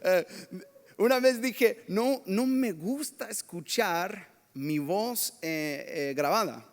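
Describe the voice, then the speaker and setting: A man preaching a sermon as pastor, telling lively, self-mocking stories from his own life. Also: high voice, slow pace. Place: church sanctuary. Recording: long church reverb.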